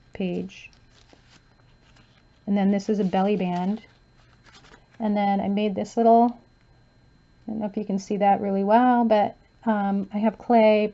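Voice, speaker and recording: This is a crafter's relaxed, quiet flip-through of her handmade journal, full of "um" and "uh" fillers. Her medium-pitched voice grows hoarse as she loses it, she clears her throat, and the sound is lo-fi.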